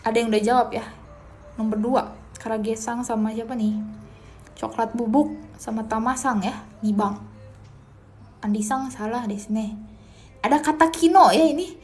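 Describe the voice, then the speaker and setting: A young woman with a slightly high voice hosts a relaxed live-stream language lesson, chatting casually and dropping Japanese phrases into her explanations. She speaks at a normal pace with long pauses, and there's a faint hiss or hum.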